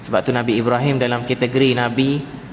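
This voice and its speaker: A man with a Malaysian Malay accent giving a mosque lecture, often addressing the audience directly and mimicking greetings in a high, jokey voice. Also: flat delivery, fairly quick, a little hiss or hum. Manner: repeatedly addresses audience as tuan-tuan. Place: mosque hall. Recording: echoey mosque hall, faint ambience.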